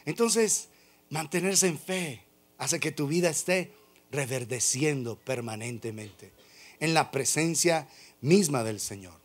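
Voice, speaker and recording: A man's voice: fairly high pitch, expressive, slow pace. A man preaching a sermon, emphatic and drawn out, full of rhetorical questions.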